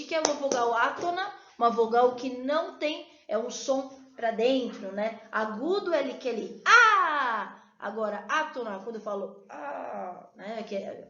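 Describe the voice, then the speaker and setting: Brazilian teacher, echoey slow lesson. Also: female voice, on the high side, sharp tone. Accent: Brazilian Portuguese. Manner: explanatory, frequent checking tags. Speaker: Spanish teacher. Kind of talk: recorded video lesson. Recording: echoey room, dull lo-fi sound.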